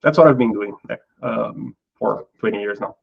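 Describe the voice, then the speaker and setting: A middle-aged man from Brazil speaks with a Portuguese accent and a gravelly voice, pausing and repeating words as he gathers his thoughts. His audio sounds a little dull and lo-fi, like a remote call. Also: on the low side. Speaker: guest. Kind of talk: casual interview talk.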